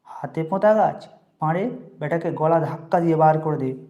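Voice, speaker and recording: A reader voicing a harsh, contemptuous middle-aged estate agent of a landlord, who barks insults and scolds loudly. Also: medium pitch, moderate pace, highs cut off, lightly acted. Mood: scornful, scolding.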